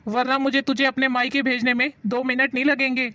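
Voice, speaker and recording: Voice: high voice, little pitch movement, brisk, bright, forceful tone, no echo, lo-fi sound. A performer playing a stern young husband who lectures his wife to respect his mother, in a family drama skit. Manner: lecturing, curt.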